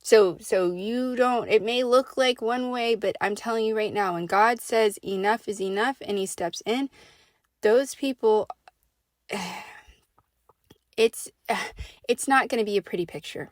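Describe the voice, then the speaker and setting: A woman's voice: on the high side, takes it slowly, dry recording, studio quality. A woman giving a casual faith talk to her audience, emphatic and conversational, often checking in with "right?" and "okay?". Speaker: faith speaker. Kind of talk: casual preaching monologue.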